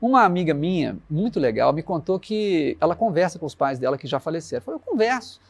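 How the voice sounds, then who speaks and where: A Brazilian man, a musician reflecting in an interview and slowly reciting lyrics as he tells stories. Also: on the high side, very animated. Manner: warm storytelling, recites his lyrics slowly. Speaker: musician guest.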